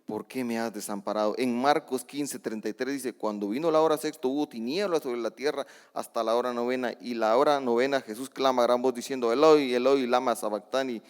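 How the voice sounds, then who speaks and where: A male preacher delivering a sermon, reading scripture and explaining it, shifting between hushed readings and loud emphatic outbursts, with casual asides and self-corrections. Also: medium pitch, a little fast, hardly any pauses, smooth. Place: church sanctuary. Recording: long reverb of a church hall.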